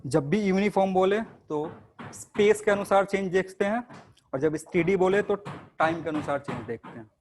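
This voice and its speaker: A man with a fairly high voice teaches a live class. He talks students through each step, asking a question and supplying the answer himself. His Hindi is peppered with English technical terms. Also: normal speed, a little mellow. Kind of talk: classroom lecture.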